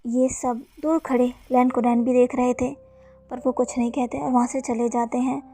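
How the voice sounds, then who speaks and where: A woman narrating fan fiction in a steady, plain storytelling manner. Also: on the high side, moderate pace. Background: faint background music.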